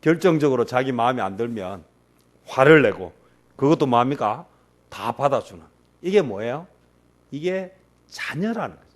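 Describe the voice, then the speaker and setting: A middle-aged man preaching a sermon as a pastor, asking rhetorical questions and answering them himself. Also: on the high side.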